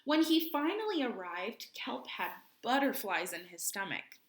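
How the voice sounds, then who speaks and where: Lady reading a kids book out loud, slow and super expressive, asks the little ones questions. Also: fairly high pitch. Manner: expressive, dramatic pauses and hushed moments for young listeners. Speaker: children's read-aloud host. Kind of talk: animated picture-book read-aloud with chatty asides.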